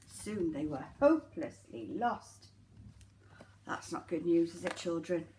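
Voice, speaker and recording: On a rough recording with slight background noise, a woman with a lowish voice reads a children's story a little slowly. She is a nursery teacher, dramatic and animated, speaking asides straight to her young audience.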